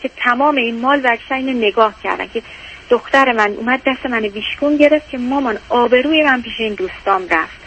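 A woman's voice: fairly high pitch, a bit bright, slight background noise, poor audio. A woman calling in to an advice show by phone, telling her story in a distressed, rambling way. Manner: distressed, fast rambling, tearful at times. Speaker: caller.

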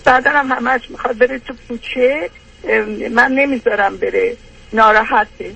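A woman's voice: fairly high pitch, pushed and bright, husky, low-quality recording. An older woman calling in, rambling through an aggrieved personal complaint with many hesitations.

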